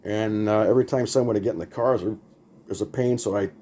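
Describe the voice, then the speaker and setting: This older man speaks quickly in a lowish, steady, warm voice, with a little noise in the background. Like a hobbyist with a homemade project, he gives a rambling, repetitive, plain-spoken hands-on demo in casual unscripted show-and-tell.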